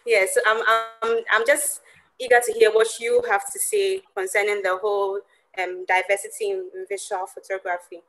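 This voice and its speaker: A woman's voice: mid-range voice, flat delivery, moderate pace, a bit bright, rough recording. A woman hosting a virtual conference, introducing a guest and asking chatty, searching questions over a video call. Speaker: conference host.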